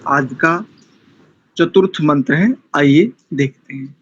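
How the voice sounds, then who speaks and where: A man teaching a mantra recitation class, chanting and breaking words down syllable by syllable with deliberate care. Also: on the high side, lively intonation, a bit bright, muffled recording, slight background noise. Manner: slow, deliberate, syllable-by-syllable drilling.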